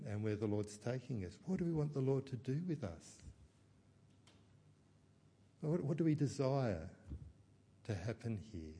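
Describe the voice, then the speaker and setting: A man preaching a sermon in a mellow, husky voice. He talks in a reflective, self-questioning way and often turns his points back on himself. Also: on the low side. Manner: reflective, self-questioning, with soft laughs and restarts. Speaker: pastor.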